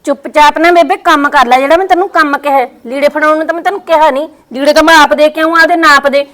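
A woman's voice: high-pitched, fairly even intonation, fast talker, a bit bright. A woman with a Punjabi accent playing a bossy, scheming young daughter-in-law who orders her mother-in-law around. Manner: commanding, scolding. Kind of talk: scripted family skit.

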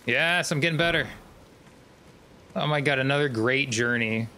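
A man's voice: medium pitch, moderate pace, bright, forceful tone, slight background noise. A man streaming a video game, commenting casually, swearing often and bursting into sudden screams. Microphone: desk microphone.

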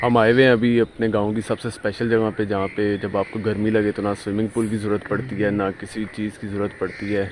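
A man's voice: lowish voice, level tone, a little fast, few pauses, background noise. A chatty young man from Pakistan giving a casual vlog tour of his village outdoors, talking straight to viewers into a handheld camera. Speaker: vlogger.

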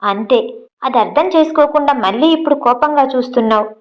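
A woman's voice: high-pitched, fairly quick, lo-fi sound, close to an everyday voice. A woman doing an insistent young lover. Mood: pleading. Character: young man, hero, hot-tempered but loving.

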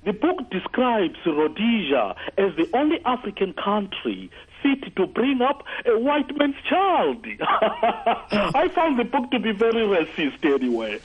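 Over a tinny phone line, a Zimbabwean man calls in to a radio talk show and argues earnestly, stumbling through plenty of fillers and restarts. His high, slightly rough voice swoops wildly in pitch, and he keeps a measured pace with hardly any pauses.

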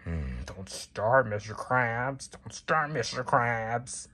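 A man voicing a cranky male squid who shouts whenever someone mentions his nose, in a plush toy parody skit. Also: mid-range voice, lively intonation, slow pace, exaggerated voice. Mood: grumpy. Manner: shouty and easily offended.

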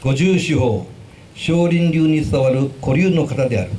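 A man's voice: fairly high pitch, unhurried, dark tone. A man giving formal, scripted narration as an announcer at a demonstration. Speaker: announcer explaining karate kata. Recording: noisy outdoor event recording.

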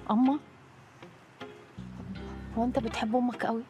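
A woman's voice: a little high, steady tone, normal speed, over music, natural voice. A woman with an Egyptian accent playing a worried, pleading young wife in a TV drama. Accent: Egyptian Arabic. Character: anxious devoted young wife.

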